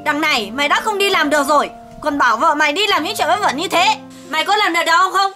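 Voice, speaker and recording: A woman's voice: high-pitched, fast, bright, forceful tone, faint music behind. A woman playing an indignant young wife in a comedy sketch, scolding and blunt. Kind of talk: amateur comedy sketch acting.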